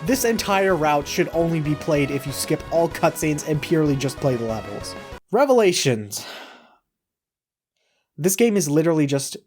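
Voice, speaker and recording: A man's voice: on the high side, animated, normal speed, over music. A young man ranting in a voice-over about video games, sarcastic and profane, exasperated at the story. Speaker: video game commentary creator.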